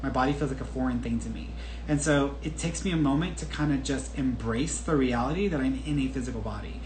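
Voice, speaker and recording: Talking fast in a darkish, medium-pitched voice, a man in his thirties responds to a viewer's question on his podcast. He's chatty and candid, restarting and laughing often, in an echoey room with a faint noise underneath.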